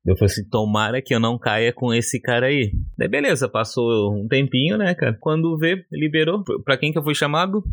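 A man's voice: medium pitch, a little fast, few pauses, fairly bright tone, no room sound, studio quality. A man from São Paulo with a São Paulo accent, co-hosting a podcast and telling a travel story casually, rambling with many fillers and restarts. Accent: São Paulo Brazilian Portuguese. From São Paulo, Brazil. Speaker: podcast co-host.

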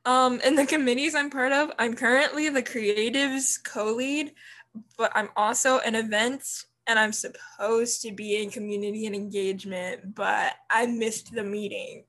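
A woman's voice: fairly high pitch, fairly even intonation, normal speed, fairly bright tone. A young woman chatting casually as a podcast guest, peppering loose sentences with filler words. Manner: says "like" constantly, loose phrasing. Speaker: podcast guest, committee co-lead. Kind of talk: casual chat.

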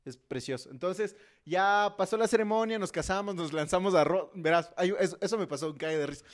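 A young man with a fairly high voice chats on a comedy podcast. He tells his story loosely and keeps breaking into laughter. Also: fairly quick. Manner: chatty storytelling, laughs often. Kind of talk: casual comedy podcast chat.

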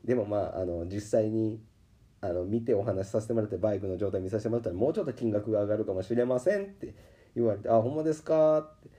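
A man with a Kansai accent hosting a podcast, telling a story in a casual, animated way and acting out the people he quotes. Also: lowish voice, fast. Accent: Kansai Japanese. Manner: animated, acts out quoted voices. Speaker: podcast host. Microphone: podcast microphone.

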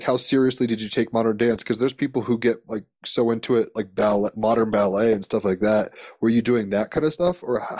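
A man's voice: mid-range voice, darkish tone, dry recording. A man hosting a casual, musing conversation, speaking in informal, slangy, rambling phrases. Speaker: interviewer, conversation host.

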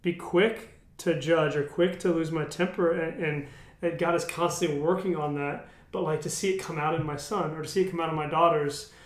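A man's voice: a little high, fairly even intonation, fairly quick, reverberant. A man in his thirties co-hosting a casual faith discussion, candid and self-deprecating, with many restarts. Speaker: podcast co-host.

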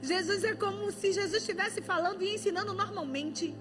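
A woman's voice: extremely high pitch, a little fast, over music. A woman preacher giving a fervent, emotional sermon, her voice often breaking with tears.

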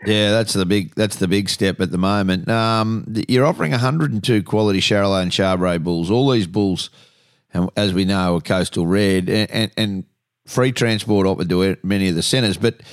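A man's voice: lowish voice, moderate pace, smooth, no room sound, clean studio sound. A man with an Australian accent hosting regional radio, talking in a conversational, emphatic way and often repeating phrases. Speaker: radio host. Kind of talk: regional radio interview and announcements.

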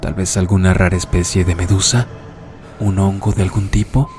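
Low-voiced guy narrating steadily, music under him. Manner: steady, measured storytelling. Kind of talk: scripted narration.

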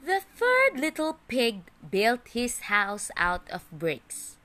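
Slow, lively woman storyteller. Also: a little high. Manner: slow, expressive, sing-song storytelling. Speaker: storyteller and channel host. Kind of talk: children's story narration.

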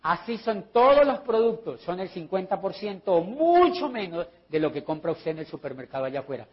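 A Colombian man teaches a sales group, his voice high and raspy. He tells his stories with energy and acts out both sides of each conversation. The recording sounds muffled and lo-fi. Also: fairly quick. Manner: lively storyteller acting out his dialogues. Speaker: sales trainer. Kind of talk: training talk with anecdotes.

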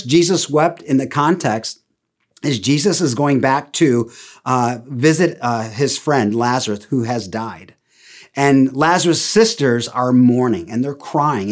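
A man preaching a sermon in an earnest, conversational way, often restarting his phrases. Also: mid-range voice. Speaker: pastor.

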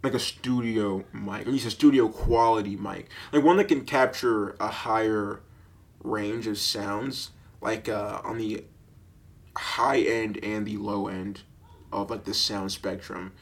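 Speaking a little slowly, a young man with a low, deep voice spins meandering, animated tales on his relaxed solo podcast. He laughs often and leans on filler words, using a low-cost mic with a sock pop filter.

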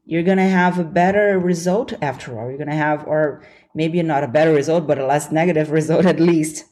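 A young woman with a Brazilian accent talks alone on her motivational podcast, her voice low and mellow. Her manner is sincere and encouraging, and she laughs easily.

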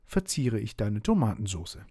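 A man's voice: fairly low pitch, big pitch swings, normal speed, dark tone, breathy edge, heavily acted. A man voicing a small, cheeky, fearless creature in a bedtime storybook reading, with a chirpy, mock-polite manner.

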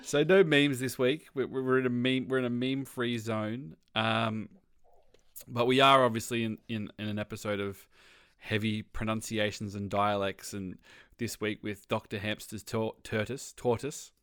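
A man's voice: on the low side, flat delivery, normal speed, fairly bright tone, smooth, no room sound. A man co-hosting a podcast, rambling casually with restarts and chuckles. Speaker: podcast co-host. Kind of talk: casual comedic chat.

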